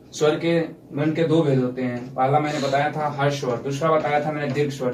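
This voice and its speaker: A man's voice: on the high side, a little hiss or hum. A male school teacher giving a classroom grammar lesson, explaining step by step and repeating his points. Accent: Hindi speaker from India. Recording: echoey room from far off.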